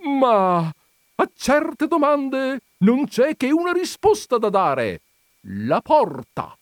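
A man voicing a haughty, touchy noble lady columnist, in a shrill, offended, theatrical manner, reading a comic story. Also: very animated, slow pace, a little mellow, dry recording, studio quality, full character voice. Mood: indignant.

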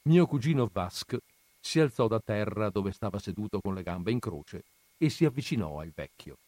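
A man reading a literary story aloud as narrator, in a calm, unhurried manner. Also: on the low side, no echo. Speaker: story reader.

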